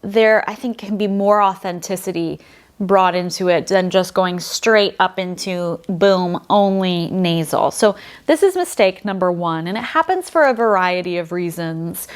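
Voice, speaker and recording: A woman in her thirties teaches accent technique straight to camera. Her delivery is clear and measured, explaining each idea step by step at a middling pitch. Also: animated. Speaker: accent coach. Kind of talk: instructional talk to camera.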